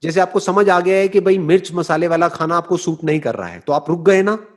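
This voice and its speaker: High-pitched man explaining slowly. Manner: slow, deliberate explaining with rhetorical check-ins; switches into English phrases. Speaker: motivational speaker. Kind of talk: explanatory talk answering a listener.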